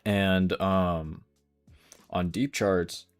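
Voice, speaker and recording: A man's voice: low voice, steady tone, drawn-out words, clean tone, faint music behind. A man streaming live day trading, casually explaining charts and answering questions from chat.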